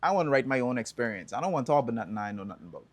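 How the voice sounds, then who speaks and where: A Bahamian man telling stories as an interview guest, relaxed and chatty, with bursts of excited whoops. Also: medium pitch, racing, no room sound. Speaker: songwriter and environmental advocate guest. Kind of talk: casual interview answers.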